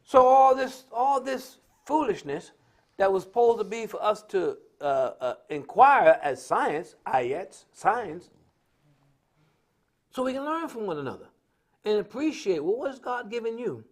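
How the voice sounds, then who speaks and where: Speaking a little slowly in a high, sing-song voice far above most men's, an American man delivers impromptu religious social commentary on a live stream. His style is colloquial storytelling, emphatic, and full of repetition to hammer points home.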